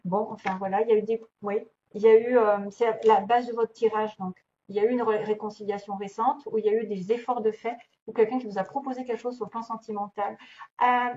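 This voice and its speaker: A woman's voice: a little high, fairly even intonation, a little fast, a little mellow. Chatty woman reading tarot. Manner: chatty, thinking aloud with many fillers and little laughs. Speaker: tarot reader. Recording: dull lo-fi recording, faint noise.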